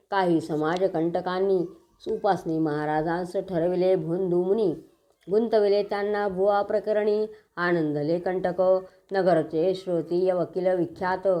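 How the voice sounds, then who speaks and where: A woman with a Marathi accent recites devotional scripture verses in a steady, sing-song manner, making small slips and starting over. Her voice is on the low side.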